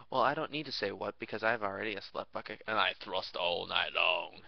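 A man's voice: on the low side, moderate pace, creaky, no room sound, dull audio. A young man rambling through a crude, jokey vlog rant and slipping into silly voices.

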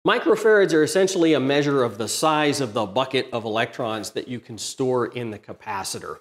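Talking to camera in his home workshop, a middle-aged DIY welding host gives a plain-spoken, technical tutorial on a welder modification. His medium-pitched voice is fairly quick, yet his explanation stays methodical.

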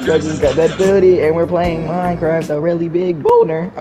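A loud, excitable gamer in rowdy, casual chat with friends while playing. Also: medium pitch, moderate pace. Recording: loud music over gameplay voices. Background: loud music.

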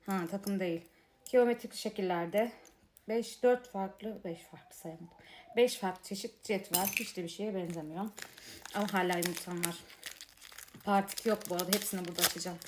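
A woman's voice: on the low side, noisy background. A woman chatting casually to viewers as she unboxes toys, grumbling and exasperated at what she gets. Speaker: unboxing vlogger. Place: apartment room.

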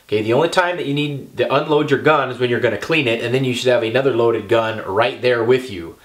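A young man with a mid-pitched voice talks straight to the camera as a firearms instructor. He is emphatic and preachy, hammering each point home and pausing to check in with "okay" and "all right". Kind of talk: direct-to-camera talk.

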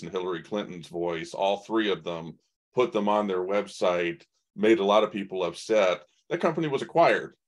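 Male host, 40s, low voice, chatty video-call talk with plenty of ums. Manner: chatty, many fillers and restarts. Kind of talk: online conference interview. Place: indoors in front of a branded backdrop. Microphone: webcam video call.

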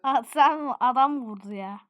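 A woman giving live gameplay commentary, excitable and quick to laugh and shout out exclamations. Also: high voice. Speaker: gaming video creator.

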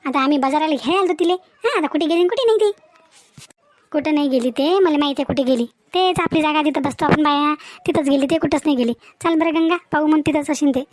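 A woman's voice: high voice, fast, no room sound, close to an everyday voice. A woman voicing a blunt, scolding older village woman in a cartoon. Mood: calm. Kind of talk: cartoon voice acting.

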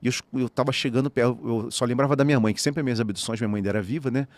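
A Brazilian man recounting a personal story as a podcast guest, talking rapidly and animatedly, peppering his speech with "né" and "cara". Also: mid-range voice, steady tone, no echo. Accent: Brazilian Portuguese.

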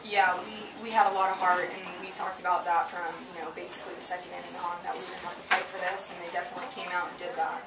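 A woman's voice: fairly low pitch, little pitch movement, very fast, hardly any pauses. A woman head coach answering postgame questions in a small wooden press box, talking steadily with lots of "you know"s into a headset mic. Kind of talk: postgame interview. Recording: echoey, distant, loud outdoor noise.

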